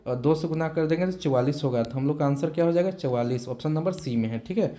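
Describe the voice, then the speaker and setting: Male math teacher, slightly high voice, patient step-by-step explainer. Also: fast talker, mellow. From India. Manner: explains step by step with repeated check-ins. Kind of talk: exam-prep math lesson.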